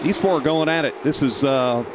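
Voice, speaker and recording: Man, race caller and co-commentator, high voice, animated and exclamatory, engine noise behind. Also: moderate pace. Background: race cars.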